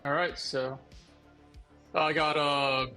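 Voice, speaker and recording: A man's voice: a little high, flat delivery, slow pace, pushed and bright, soft background music. A man playing in a tabletop game, unsure as he checks the rules. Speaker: player.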